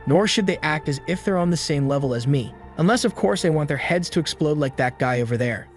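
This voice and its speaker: A man's voice: fairly high pitch, expressive, fairly quick, soft background music, natural voice. A man voicing an arrogant, cruel female angel who scorns humans, speaking coldly and with contempt. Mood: contemptuous. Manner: cold and contemptuous.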